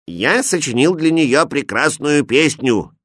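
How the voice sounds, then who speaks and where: A pompous village fool who calls himself a great poet, as a man voices him. He speaks with drawling self-importance, his pitch rising and falling a lot. The sound is dry and close. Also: expressive, slow, a bit bright, dry recording, full character voice. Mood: boastful. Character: pompous foolish male self-styled poet.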